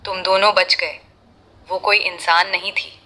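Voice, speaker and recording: A woman voicing a grave elderly village grandfather who speaks in a hushed, solemn way. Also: mid-range voice, level tone, measured pace, slight background noise.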